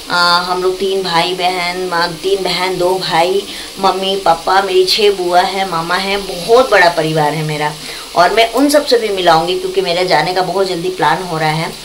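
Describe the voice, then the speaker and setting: A woman's voice: lowish voice, background noise. A young woman chatting casually to her viewers in a home vlog, talking about her day and her family. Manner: chatty, addresses viewers as guys. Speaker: vlogger. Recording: background music.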